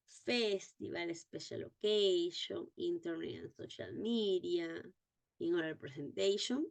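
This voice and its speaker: A woman teaching an exam-prep lesson, reading English terms slowly and repeating key points. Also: medium pitch, vocal fry, a little mellow.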